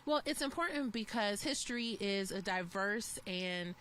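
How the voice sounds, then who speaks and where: A woman's voice: mid-range voice, expressive, moderate pace, a bit bright, slight background noise. Earnest woman giving an interview. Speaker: museum executive. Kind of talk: news interview answers.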